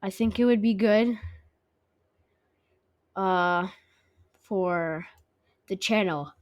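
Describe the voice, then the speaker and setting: Slow-talking woman in chatty game commentary. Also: medium pitch. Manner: chatty, talks straight to viewers, asks them to subscribe. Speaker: gaming channel host. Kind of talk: casual let's-play commentary. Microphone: own microphone.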